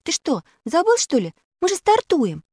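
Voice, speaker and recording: A woman voicing a bold, quick-witted girl who questions sharply in a storybook reading. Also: very high voice, huge pitch swings, mellow, no echo, studio quality, pitched above the performer's own voice, heavily acted. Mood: probing.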